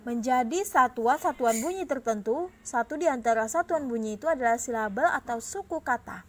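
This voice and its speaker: A woman's voice: sits high, a little hiss or hum. Young Indonesian woman reading lecture notes. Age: young adult. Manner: careful reading with small slips and restarts. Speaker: student presenter.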